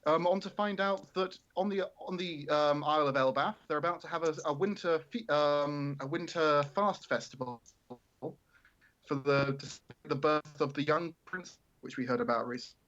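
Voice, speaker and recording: A man's voice: fairly high pitch, a bit bright, highs cut off. Man on a breaking-up internet call. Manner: halting, many ums and restarts. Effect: choppy, breaking-up internet call audio. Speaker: podcast co-host. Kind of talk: casual chat on a live stream.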